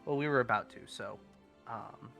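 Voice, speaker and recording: A man acting as game master, narrating a tabletop game casually in halting, improvised phrases. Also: mid-range voice, vocal fry, music in the background.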